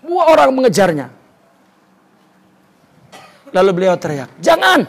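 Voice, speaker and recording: A man's voice: very high-pitched, animated, unhurried, gravelly, slightly rough. A man teaching a religious study lesson, telling stories, repeating words for emphasis and reciting Arabic before explaining it.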